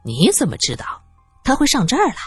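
A woman voicing a cool, sceptical young woman detective, asking pointed questions in a breathy voice. The recording is dry and close. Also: on the high side, wildly swooping pitch, a little fast, no room sound, soft background music, voice pushed up, exaggerated voice. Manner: cold, questioning.

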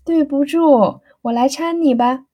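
A woman's voice: high voice, unhurried, warm tone, voice pushed up. A woman voicing an impatient, teasing young society woman in an audiobook reading, pressing and playful.

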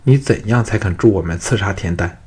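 A man voicing a sharp, vengeful young woman. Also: low voice, fairly quick, husky. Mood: tense.

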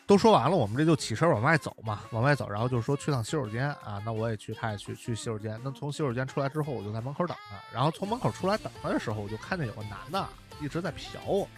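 Fast-talking man telling a story. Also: medium pitch, music in the background. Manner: animated, chatty, many fillers and tag questions. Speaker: podcast co-host. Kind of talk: casual storytelling chat.

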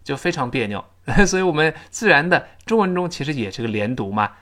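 An English teacher, explaining pronunciation and leading slow repeat-after-me drills. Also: mid-range voice, expressive, fairly bright tone. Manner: slow, exaggerated modelling of English phrases between explanations.

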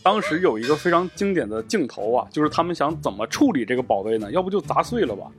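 A man's voice: fairly high pitch, very animated, quick pace, music in the background. A man co-hosting a podcast in casual chat, chiming in and quoting lines. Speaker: podcast co-host.

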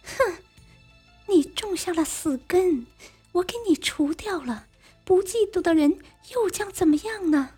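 A woman doing a sharp-tongued young fox spirit. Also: animated, unhurried, slightly rough, faint music behind, full character voice. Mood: indignant. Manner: scolding, high and insistent.

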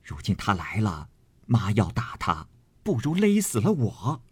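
A man voicing a passionate, defiant young maid, raising his husky voice in an impassioned plea while reading a classic novel aloud. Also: fairly low pitch, huge pitch swings, a little slow, a little mellow, dry recording, heavily acted.

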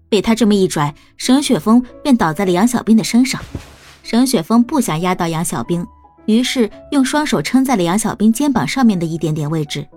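A woman reads a storybook aloud, her voice steady and calm at a middle pitch. She keeps an even, unhurried narrating tone throughout. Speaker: audiobook narrator.

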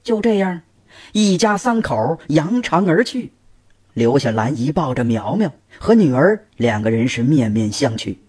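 A man narrating a family story, lively, raising his voice for the characters he quotes. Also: mid-range voice, measured pace, breathy edge. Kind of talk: scripted narration with acted dialogue.

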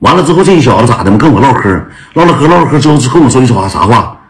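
A man tells a story to his listeners in a blunt, slangy way, laughing as he goes, over background music. His mid-range voice has lively intonation and a very fast pace.

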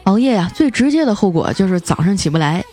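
Lively woman comic storyteller. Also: medium pitch, fast talker, soft background music. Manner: playful, punchline-driven delivery. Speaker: comedy podcast host.

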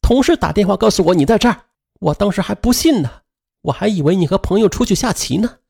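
A man's voice: high voice, lively intonation, fast, creaky, darkish tone, breathy edge, voice pushed up, exaggerated voice. A man voicing a furious adult wife who has caught her husband lying, scornful and accusing, in a dramatized radio story. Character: shrill furious betrayed wife, adult woman.

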